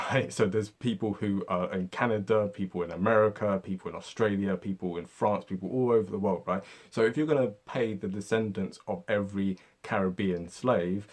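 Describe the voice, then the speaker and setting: Man from Britain, casual history explainer, low-pitched, slightly husky, chatty with fillers. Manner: conversational, lots of fillers like "right?" and "you know". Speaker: history video host.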